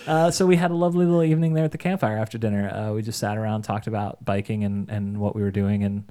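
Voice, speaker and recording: A man in casual podcast conversation tells a long trip story. His voice sits somewhat low, and he rambles along with fillers and quick chuckles. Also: mellow, slight background noise.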